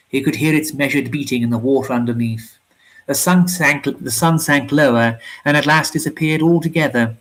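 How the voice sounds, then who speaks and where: A man reading an old short story aloud, steady, with occasional slips and restarts. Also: mid-range voice. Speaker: audiobook reader.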